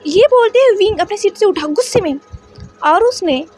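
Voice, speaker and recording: A woman narrating a fan fiction story in a brisk, plain storytelling manner. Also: extremely high pitch, animated, a little mellow. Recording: faint background music.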